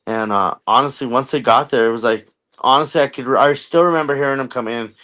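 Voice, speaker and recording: A man's voice: mid-range voice, quick pace, bright, forceful tone. An American man in his thirties, a veteran guest on a podcast, telling a long personal story in a casual, joking way with lots of fillers. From United States. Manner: conversational, jokey, filler-heavy storytelling.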